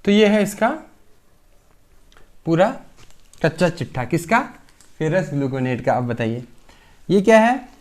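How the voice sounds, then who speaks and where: Guy teaching pharmacy chem, kinda high voice, asks himself stuff then answers it, says theek hai a lot. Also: expressive, measured pace, pauses often. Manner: explains step by step, asks and answers his own questions, keeps saying "theek hai". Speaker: pharmacy lecturer. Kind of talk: casual classroom lecture.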